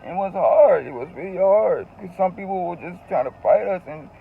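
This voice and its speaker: A man's voice: high-pitched, expressive, normal speed, gravelly, phone-quality sound, a little hiss or hum. A man telling a personal story in a casual, confessional vlog, earnest and emotional, often repeating phrases for emphasis. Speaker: vlogger.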